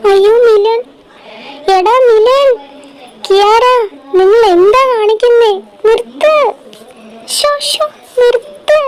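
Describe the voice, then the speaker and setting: A woman's voice: extremely high pitch, a little hiss or hum, full character voice, low-quality recording. A young woman voicing a nagging, exasperated mother in a fan dub drama, with faint music behind. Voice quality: sharp, nagging. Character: scolding middle-aged mother, exasperated.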